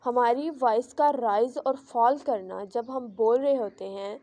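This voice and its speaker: A woman teaching English, slowly explaining and repeating each definition in two languages. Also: a little high, warm tone. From Pakistan. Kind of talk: classroom lecture.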